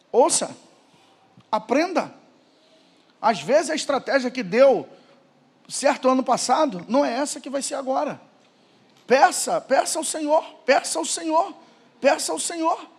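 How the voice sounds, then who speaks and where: A man preaching a Pentecostal sermon in church with a Brazilian Portuguese accent, moving from quiet, low talk to shouted proclamations. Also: animated, measured pace, pauses often, slightly rough. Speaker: pastor.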